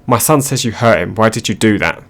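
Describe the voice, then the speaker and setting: A pushy mother, indignant and accusing, defending her son, as a man reads her lines. Her voice is lowish and firm, with sharp, blaming phrasing. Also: animated, a little fast.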